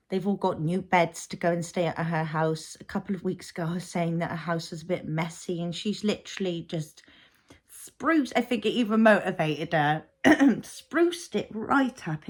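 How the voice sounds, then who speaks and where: A woman's voice: lowish voice, husky. A woman in her thirties, a mother and vlogger, talking through her thoughts in a rambling, reflective way full of fillers. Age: 30s. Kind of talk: casual personal vlog.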